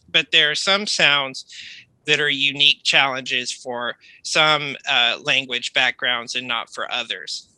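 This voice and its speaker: Very bright, crisp-edged American man, dry sound. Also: medium pitch, dry recording, poor audio. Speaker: accent coach, online tutor. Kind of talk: explanatory conversation.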